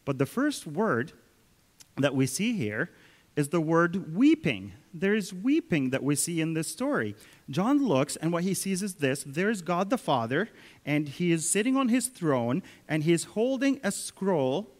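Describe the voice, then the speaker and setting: A man's voice: on the high side, sing-song, a little slow. A man preaching a sermon in storytelling fashion, often turning to speak to the children. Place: church. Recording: long reverb of a church hall.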